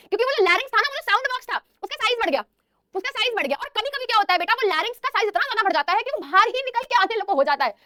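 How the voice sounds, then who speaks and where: A woman's voice: very high voice, fairly bright tone, no echo, clean studio sound. A young woman teaching a biology lesson, calling students "beta" and asking and answering her own questions, slipping English terms into her explanations. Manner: mixes English terms into speech.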